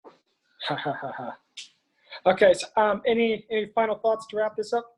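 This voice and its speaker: A man's voice: sits high, animated, moderate pace, darkish tone, low-quality recording. A man hosting a casual podcast conversation, chiming in with brief, agreeable remarks. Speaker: podcast host.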